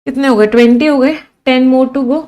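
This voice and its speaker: A woman's voice: high voice, normal speed, mellow, rough recording. Indian woman teaching English vocabulary. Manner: lists words one by one, quizzes students. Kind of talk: online vocabulary lesson.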